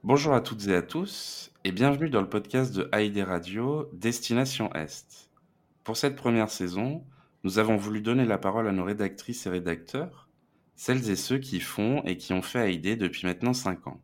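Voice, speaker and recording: A man's voice: fairly low pitch, moderate pace. A man hosting a podcast, reading a scripted introduction in a welcoming announcer manner, like cabin crew greeting passengers. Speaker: podcast host and presenter.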